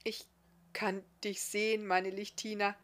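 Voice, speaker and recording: A woman voicing a kind young male beard giant in a read-aloud fairy tale, tender and hushed. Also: on the low side, expressive, unhurried. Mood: happy. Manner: soft, tender, often hushed.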